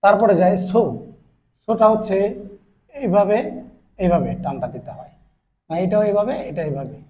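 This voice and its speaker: A man with a Bangladeshi Bengali accent teaching a Japanese writing lesson, slowly repeating each syllable twice as he explains. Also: high-pitched, expressive, mellow, lo-fi sound, a little hiss or hum. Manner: slow and repetitive, drilling each syllable twice. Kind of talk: step-by-step classroom explanation.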